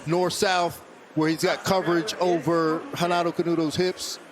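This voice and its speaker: A man's voice: a little high, level tone, moderate pace. A man giving conversational live sports analysis as a color commentator. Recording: crowd noise behind. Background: live arena crowd.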